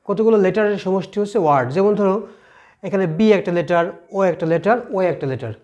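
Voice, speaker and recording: A male teacher takes his students through an English lesson, asking questions and then repeating the answers himself. His voice sits high. He explains each point step by step and goes over it again. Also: brisk, a little mellow, highs cut off. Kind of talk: classroom lesson.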